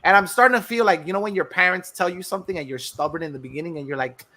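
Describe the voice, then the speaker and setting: A man in his thirties co-hosting a podcast, ranting in a profane, animated casual chat. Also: high voice, very fast. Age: 30s. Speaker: podcast co-host.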